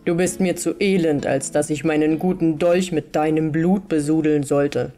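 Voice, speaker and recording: A woman's voice: steady tone, normal speed, mellow, faint music behind, natural voice. A woman playing the Strong One, a wrathful robber chief. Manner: wrathful, booming commands. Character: stern, commanding robber chief, grown man.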